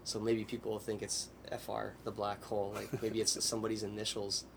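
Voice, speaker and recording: A man's voice: on the low side, completely flat delivery, fairly quick, gravelly, slight background noise. A man from Saskatchewan, Canada, a guest on a podcast, chatting casually with a joking, rambling way of telling stories. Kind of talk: casual chat.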